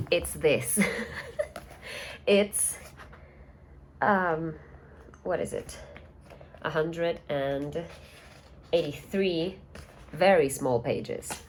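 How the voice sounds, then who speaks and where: A young woman chatting casually in a book vlog at home, thinking aloud and rambling with soft laughs. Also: sits low, slight background noise. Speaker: book vlogger. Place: at home at night.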